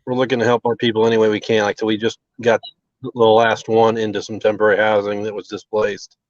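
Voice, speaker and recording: A man with a low, flat voice speaks over a poor call connection that breaks up. The audio is dull and lo-fi, with almost no room sound. He talks in a halting, earnest way, leaning on fillers as he goes. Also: no echo. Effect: choppy, breaking-up call connection. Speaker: restaurant owner. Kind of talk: live remote interview. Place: outdoors near a relief center. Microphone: video call over a bad mobile connection.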